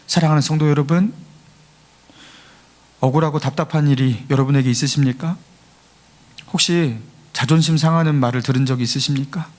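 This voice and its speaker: A man pastor preaching a Sunday sermon, earnest and pleading, acting out the taunts of scoffers and building to fervent emphasis. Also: medium pitch. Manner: acts out mocking voices of scoffers. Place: church sanctuary.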